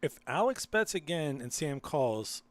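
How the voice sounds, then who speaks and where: A man's voice: a little high, very animated, a little slow. A man commentating a live poker final table, explaining hands and teasing his co-host in dry banter.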